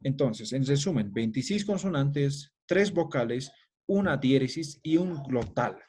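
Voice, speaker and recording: A middle-aged man teaches a language class in a classroom-style lecture, his voice medium-pitched, darkish, expressive and unhurried. He explains step by step and tacks a tag question onto nearly every phrase to check in with listeners.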